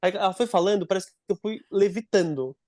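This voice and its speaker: A man's voice: sits high, fairly quick, dry recording. Man telling a story, dry close sound. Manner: animated, restarts and repeats words while telling a story. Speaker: podcast guest, adoptive father. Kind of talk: casual storytelling in a podcast conversation.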